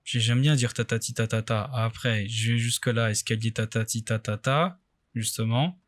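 A man's voice: medium pitch, level tone, normal speed, no echo. A man doing casual let's play commentary, thinking aloud and muttering hesitantly to himself in short bursts. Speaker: let's play video game streamer.

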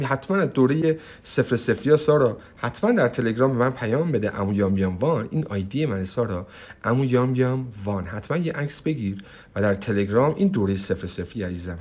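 A young man teaching English online in a livestream. He talks in a brash, hyped way, swears freely, and drops in slow, emphatic English phrases. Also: mid-range voice, a little mellow, slightly rough. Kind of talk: energetic livestream pitch and Q&A.

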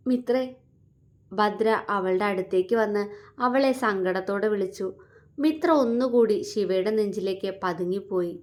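A woman storyteller reading a romance story in a steady, expressive way. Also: medium pitch, moderate pace.

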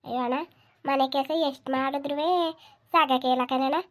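A woman voicing a calm neighbor village woman in a comedy cartoon, speaking softly. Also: brisk. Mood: soothing. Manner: soft, lower and quieter, soothing.

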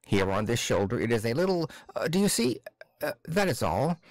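A man voicing a timid, stammering older male clerk who speaks in halting, broken-off phrases and pleads. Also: medium pitch, sing-song, no echo. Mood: pleading.

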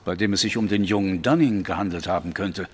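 A man's voice: low voice, brisk, husky, long reverb tail. An actor playing a sceptical police inspector in an audio drama, blunt and formal in his way of talking. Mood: inquiring.

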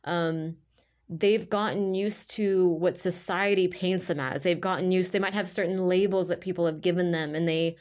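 Seated indoors at a table with cards spread on purple cloth, a woman gives a casual tarot reading, earnest and rambling, full of "like" and restarts. A sinus infection makes her voice stuffy and nasal, and it is fairly low, steady, a little mellow, at a normal speed.

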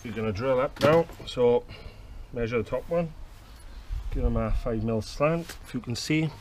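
A man in his thirties talks through a hands-on job outdoors in a back garden, chatty and plain-spoken, with bursts of enthusiasm. His voice sits at an ordinary middle pitch. The action-camera sound carries a clear layer of outdoor noise. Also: moderate pace, a little mellow. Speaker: fishing channel host. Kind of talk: casual how-to demonstration. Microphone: action camera close by. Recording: noisy outdoor camera audio.

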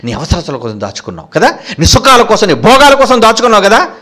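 A man preaching with fire and rebuke, his voice pitched high for a man and swinging widely up and down. He fires question after question at his congregation and scolds them sharply. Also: wildly swooping pitch, quick pace, bright, forceful tone. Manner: fiery and scolding, with frequent rhetorical questions to the congregation. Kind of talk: sermon.

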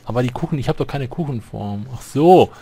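A man's voice: medium pitch, expressive, brisk, mellow, slightly rough. A man doing casual, enthusiastic, rambling commentary as he plays a game. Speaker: let's player. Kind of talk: casual gameplay chat. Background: game music.

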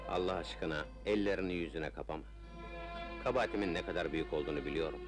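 A man's voice: extremely low pitch, fast. An actor playing an ardent, resolute Ottoman officer in an old film melodrama, speaking in solemn, poetic declamation. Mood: lovestruck, tender. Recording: old film soundtrack with music. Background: film music.

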